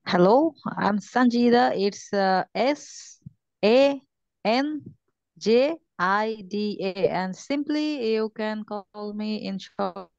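A woman's voice: mid-range voice, lively intonation, slow, darkish tone, dry recording. Young female student from Bangladesh, careful and polite, dry muffled call audio. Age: young adult. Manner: polite, careful, spells things out. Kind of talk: conversation practice. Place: indoor room at home. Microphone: video call with earphone mic.

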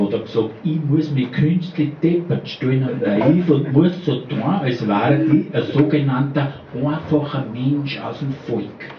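A man's voice: mid-range voice, a little hiss or hum. A man performing a dialect poem at a slam, telling it with dry wit. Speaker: slam poet. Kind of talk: dialect poetry reading. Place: small bar at a live poetry slam. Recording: roomy, distant, dull live recording.

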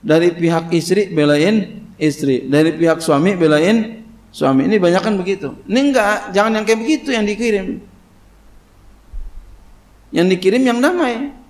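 A man whose voice sits high teaches tafsir as an Islamic cleric in a kitab study sermon. He reads the Arabic text slowly and follows with casual Indonesian explanations, frequently saying "ya."

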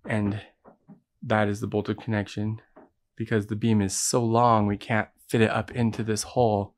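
In a low, level voice at a moderate pace, an American man leads a laid-back, no-nonsense tour of a construction project. He's the builder, explaining as he moves through a large unfinished basement.

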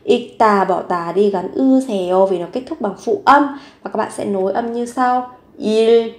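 A woman teaching Korean vocabulary, slowly repeating each word and example sentence. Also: mid-range voice. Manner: slow, careful repetition of each word. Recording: echoey room.

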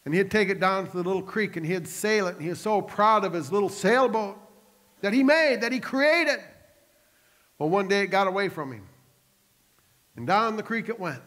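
A man's voice: high-pitched, sharp tone. A male pastor preaching a sermon, telling stories animatedly and adding joking asides to the congregation. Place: church sanctuary. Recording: long reverb of a church hall.

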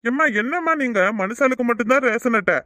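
A man's voice: very high voice, expressive, quick pace, pushed and bright, dry recording, clean studio sound, full character voice. A man voicing a puzzled, patient village council clerk in a cartoon. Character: village council clerk taking a household count.

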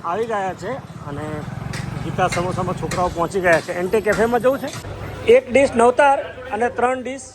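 A man's voice: high-pitched, normal speed. A man narrating a casual festive vlog into a phone camera, chatting directly to his viewers. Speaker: vlogger. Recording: street and traffic noise.

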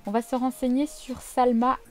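Woman, casual gameplay commentary, chatty, teasing, high voice, faint music behind. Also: level tone, normal speed, a little mellow. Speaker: video game let's player.

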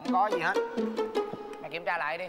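A man pleading softly in a comedy sketch. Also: sits high, loud music behind the voice. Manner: pleading, soft and hurried.

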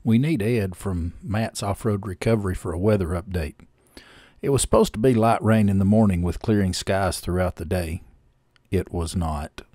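Deep-voiced man narrating plainly. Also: normal speed, dark tone, dry recording, studio quality. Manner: matter-of-fact, explaining. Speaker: vlogger. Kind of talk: voice-over narration.

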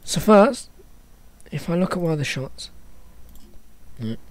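Hiccuping throughout, a man walks through an animation tutorial on a screen recording, speaking casually, thinking aloud and fixing his own mistakes in fits and starts. He sounds very animated, with a highish, slightly mellow voice at a measured pace.

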